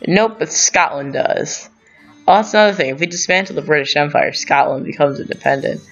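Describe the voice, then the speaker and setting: A man's voice: a little high, a little fast, fairly bright tone. A man hosting a gaming channel, thinking aloud through strategy game commentary with rambling asides and self-corrections. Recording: dull lo-fi sound, faint music.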